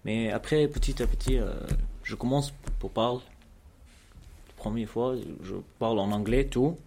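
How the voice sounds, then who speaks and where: A man's voice: medium pitch, moderate pace, dark tone. A man who is a non-native speaker, answering informally in broken French with short, simple phrases and learner's mistakes. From abroad, newly arrived in France. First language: a language other than French. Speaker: student in a French class for newcomers. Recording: noisy interview recording.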